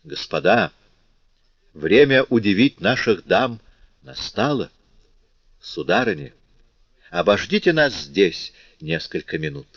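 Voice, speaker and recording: A man's voice: on the low side, sing-song, takes it slowly, gravelly, long pauses, a bit bright, breathy edge, no room sound, exaggerated voice. A man voicing an eloquent young Parisian who holds forth in a florid, declamatory way, in an audiobook reading. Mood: grandly playful. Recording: dull dry lo-fi recording.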